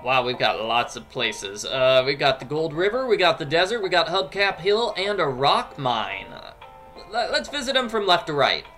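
A man's voice: fairly high pitch, expressive, moderate pace, sharp tone. A man giving casual, playful, rambling commentary as he plays a game. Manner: playful, rambling, mock-dramatic asides. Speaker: gamer, let's play commentator. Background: game music.

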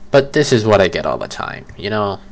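A young man with a lowish voice talks casually and rambles, stopping to correct himself as he goes. His delivery is loose and chatty, like someone thinking out loud for his viewers. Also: very animated, fairly quick. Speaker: creator ranking fast food. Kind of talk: casual solo commentary.

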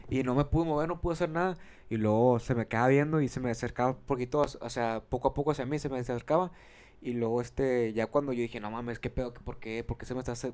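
A man's voice: mid-range voice, smooth. A young man in his twenties with a northern Mexican accent from Monterrey, telling a story in slangy, rambling podcast chat. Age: 20s. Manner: slangy, rambling, animated retelling. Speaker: podcast host.

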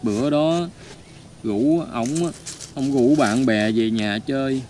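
A man's voice: medium pitch, takes it slowly, a little mellow, slight background noise. A man with a Southern Vietnamese accent telling a family story in casual, colloquial speech, earnest and heated as he recounts it.

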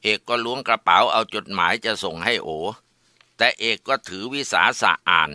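A man tells a village folk tale in a plain, steady way. His voice is low-set yet bright and tense, and the recording is dry and close. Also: moderate pace, no room sound. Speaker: storyteller.

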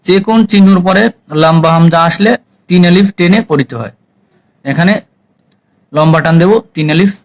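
A man teaching Quran reading, spelling out each letter and vowel slowly before chanting the joined words. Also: high-pitched, low-quality recording. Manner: slow, drawn-out syllable-by-syllable spelling and chanted recitation. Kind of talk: spelling-out recitation lesson.

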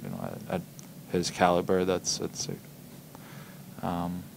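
A young hockey player answers reporters at a postgame press conference, speaking into table microphones in a press room with a logo backdrop. His voice sits low and gravelly yet very animated, though he halts often with ums and repeated words. Slight background noise is audible.

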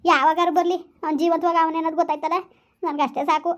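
A woman doing a high, pleading village wife. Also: flat delivery, racing. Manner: pleading, repetitive, emotional. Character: anxious village wife longing for her lost son. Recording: dull lo-fi recording.

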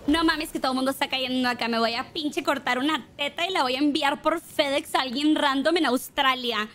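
A woman's voice: high voice, a little fast, a bit bright. A young woman with a Mexican accent, streaming a game and chatting casually, swearing and singing along now and then. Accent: Mexican Spanish.

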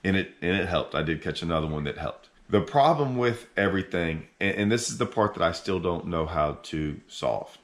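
A middle-aged man hosting a fishing channel, talking casually to camera from his living room couch, animated and full of restarts as he thinks aloud. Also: low-pitched, moderate pace, few pauses. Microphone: camera in front at sitting distance.

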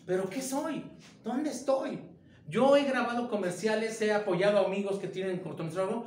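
A theater director with a high voice gives an informal acting lesson, speaking emphatically at a normal speed and tossing out rhetorical question after rhetorical question. His slightly mellow voice rings a little in an echoey room, with a faint hiss or hum.

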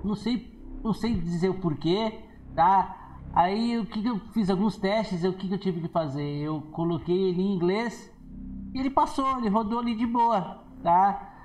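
A man with a Brazilian accent giving excitable commentary on a horror game, exclaiming and talking back to the characters on screen. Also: high-pitched, moderate pace, a little hiss or hum, low-quality recording. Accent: Brazilian Portuguese. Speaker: gameplay streamer.

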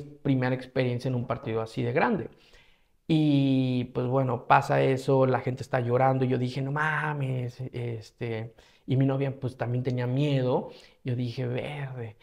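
A man from Mexico with a Mexican Spanish accent, casually telling a story as a travel vlogger, slangy and animated, acting out his own reactions. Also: medium pitch, moderate pace, gravelly.

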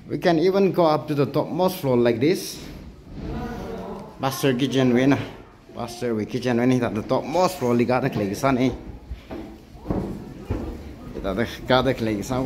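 A man's voice: medium pitch, noisy background. Man chatting through a walking tour. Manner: chatty, pointing things out to viewers. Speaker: vlogger giving a walking tour. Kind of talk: casual walking tour narration. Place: outdoors on a hillside village and indoors.

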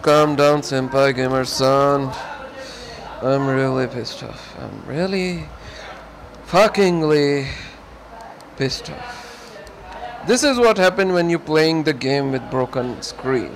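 Gamer guy reading a text game out loud, slow and gravelly, swears a lot. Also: mid-range voice, lively intonation, low-quality recording. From Pakistan. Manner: frustrated, swears a lot, broken grammar. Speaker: gamer and channel host. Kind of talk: reading a text adventure aloud while playing.

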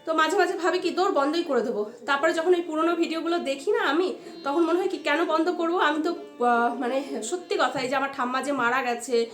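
High-pitched, fast-talking woman. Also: a bit bright. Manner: chatty, addresses viewers as friends. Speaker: family vlogger. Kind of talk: casual chat to viewers. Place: home, kitchen and bedroom. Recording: echoey room with background music.

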